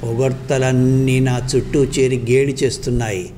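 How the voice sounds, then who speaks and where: A man's voice: mid-range voice, level tone, normal speed, mellow, a little hiss or hum. A man reading a short story aloud in a reflective, emotional first-person telling.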